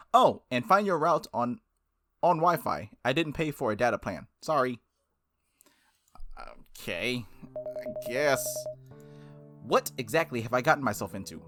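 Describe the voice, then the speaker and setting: With a mid-range voice, a gaming host reads visual novel text aloud and comments on it casually. His delivery is animated, playful and full of slang.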